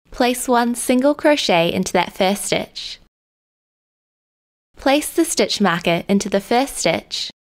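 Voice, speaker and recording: A woman host narrating a crochet tutorial in a calm, step-by-step instructional manner. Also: on the high side. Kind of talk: scripted tutorial voice-over.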